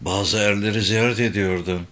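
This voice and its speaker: A man's voice: on the low side, fairly even intonation, moderate pace, a bit bright, close to an everyday voice. A man reading a young male officer giving short, guarded answers under questioning in an audiobook.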